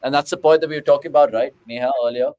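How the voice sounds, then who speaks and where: A man's voice: medium pitch, fairly even intonation, rapid-fire, darkish tone, poor audio. A young man with a British accent hosting a live cricket watchalong, chatting with co-hosts, calling shots and reading out viewer questions.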